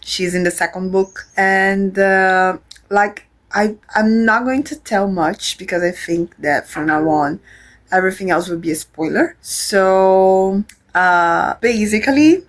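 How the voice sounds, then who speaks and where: A woman's voice: mid-range voice, slow pace, low-quality recording. A young woman from Brazil, chatting casually about a book she is reading, rambling with many fillers and restarts. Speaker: book vlogger. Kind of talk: casual reading vlog chat.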